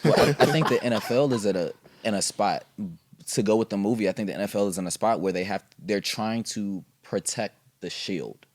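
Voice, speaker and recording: A man's voice: lowish voice, a little fast, a little hiss or hum. A man co-hosting a casual podcast discussion, explaining his views in a thoughtful way with fillers. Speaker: podcast co-host.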